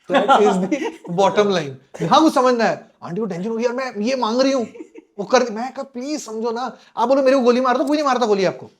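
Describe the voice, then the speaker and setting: A middle-aged former air force officer, a podcast guest, tells an animated story, mixing Hindi and English and acting out the people in it with frequent chuckles. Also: male voice, sits high.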